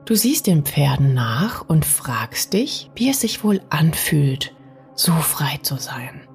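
A woman narrates a bedtime sleep story in a soft, soothing, partly whispery way, speaking intimately to the listener. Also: low-pitched, sing-song, slow, creaky. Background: music.

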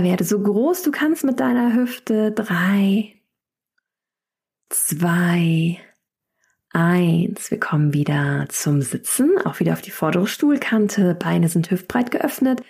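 Soft-spoken woman guiding a yoga class. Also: medium pitch, slow, creaky, slightly rough. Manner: calm instructive cueing with breath counts. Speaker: yoga instructor. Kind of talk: guided chair yoga class.

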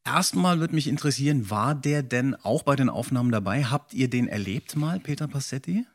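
A man's voice: mid-range voice, animated, a little fast. A man hosting a casual chat, asking his guest questions and often affirming what he says. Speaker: podcast host.

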